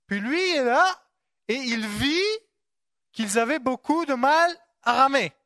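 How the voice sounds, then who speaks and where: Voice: high-pitched, slow pace, no echo. Chatty preacher with a dry sound. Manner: lively, conversational, asks listeners to imagine, many asides. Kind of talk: sermon with Bible reading.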